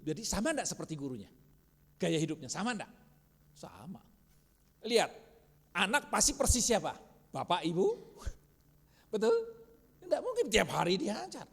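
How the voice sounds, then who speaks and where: Give me a fairly high-voiced man teaching a church class in a reverberant hall. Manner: quizzes the audience constantly.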